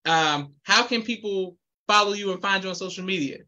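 A young man with a high, brisk, pushed and bright voice hosts a podcast interview over a video call, upbeat and affirming, with formal thank-yous. He's on a webcam in an indoor room with posters, and the audio is dull.

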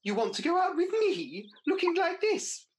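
A British woman playing Mother Goose as a kindly, chatty pantomime dame, expressive and theatrical, for radio. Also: extremely high pitch, normal speed. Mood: flattered, coy.

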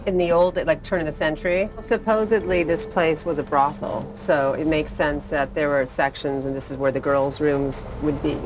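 A woman's voice: deep voice, fairly even intonation, moderate pace, few pauses, over music, poor audio. A middle-aged woman in casual conversation, recounting her own memories as a guest. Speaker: guest revisiting a former home. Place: city street and old apartment interior.

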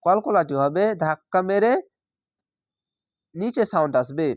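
A man with a Bangladeshi Bengali accent teaching Quran reading, spelling out letters and vowel marks one by one and then reciting slowly. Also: fairly high pitch, lively intonation, no room sound, clean studio sound.

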